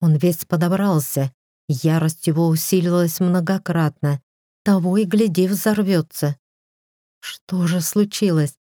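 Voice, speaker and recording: A woman reading a first-person novel as an audiobook, in an even, measured way. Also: lowish voice, no echo, studio quality. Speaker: audiobook reader.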